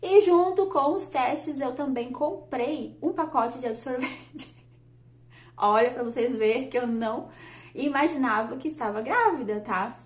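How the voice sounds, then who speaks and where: A woman, telling a personal story on her vlog in a chatty, lively way and laughing often. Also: sits high, measured pace. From Brazil. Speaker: vlogger. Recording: echoey room.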